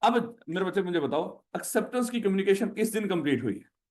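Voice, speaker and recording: A man's voice: sits high, animated, fast, a little mellow. A man with a Pakistani Urdu accent lecturing a class, repeating each question to drill it in and calling his students "my child".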